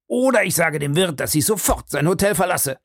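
A blustering gentleman fumes in a broad West Country burr, put on by a man reading a story. He talks high and fast, in a gravelly, lively voice. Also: dry recording, studio quality. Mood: furious. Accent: broad West Country dialect (as told). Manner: furious, fast, shouting complaints. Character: angry blustering middle-aged country gentleman.

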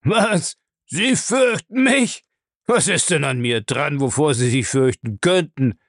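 A man reading aloud and voicing a gruff, menacing old castle owner who grumbles slowly. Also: medium pitch, lively intonation, no room sound, clean studio sound, lightly acted.

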